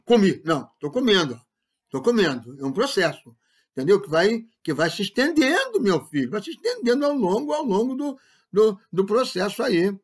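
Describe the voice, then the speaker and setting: A man with a high, light voice explains grammar like a teacher in class. He keeps asking whether the listeners understood and repeats key examples. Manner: explains with frequent rhetorical check-ins and repetition. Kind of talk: classroom-style lecture.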